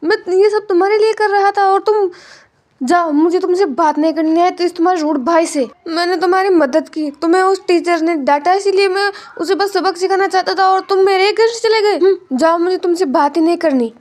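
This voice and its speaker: A woman's voice: extremely high pitch, brisk, a little mellow. A woman voicing a bratty, hot-headed young male student who talks back defiantly and sulks in a Hindi storybook retelling. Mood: hurt, angry. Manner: defiant, sulky.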